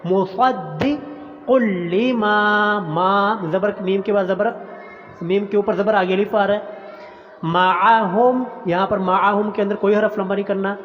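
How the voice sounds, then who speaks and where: A man teaching a Quran recitation lesson, chanting words slowly and drawn out, then explaining pronunciation in quick plain talk. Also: sits high, level tone, faint music behind. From Pakistan. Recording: dull audio with long reverb.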